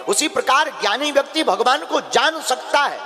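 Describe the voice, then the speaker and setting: A male preacher telling devotional stories in an animated, chuckling way. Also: very high voice, moderate pace, some chatter behind. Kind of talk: devotional sermon storytelling. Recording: reverberant hall with faint music.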